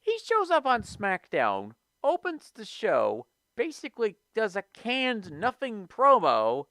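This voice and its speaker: A woman's voice: medium pitch, huge pitch swings, slow pace, a bit bright, dry recording. A woman hosting a livestream show, ranting sarcastically in casual chat and laughing often.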